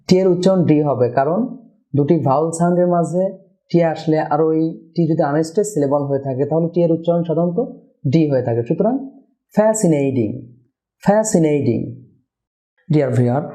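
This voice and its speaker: Slow, deliberate man teaching pronunciation. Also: a little high, mellow. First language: Bengali. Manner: slow, deliberate, repeats each word as a model. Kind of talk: scripted pronunciation lesson.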